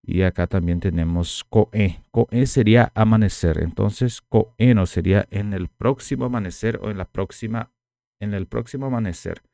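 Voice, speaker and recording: Speaking slowly, a man whose first language is Guarani teaches a language lesson, repeating each word so learners can copy it. His voice is fairly low, creaky and mellow, with no echo.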